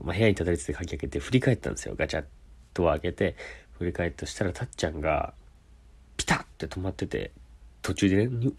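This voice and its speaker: A man casually telling a personal anecdote in an animated way, acting out the people in it. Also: low voice, vocal fry, slightly rough. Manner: animated, acts out quoted voices. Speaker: storyteller.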